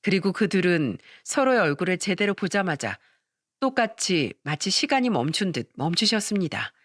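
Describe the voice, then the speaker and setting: A woman narrating a scripted first-person family story in a calm, storytelling manner. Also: on the low side, normal speed, no room sound, studio quality.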